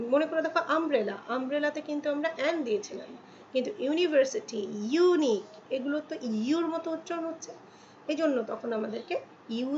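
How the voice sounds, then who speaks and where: A female grammar teacher with a high voice explains articles to her students in Bengali, reading the English examples slowly and drawn out. She keeps checking in with the listener, and the dull lo-fi recording carries faint ambient noise.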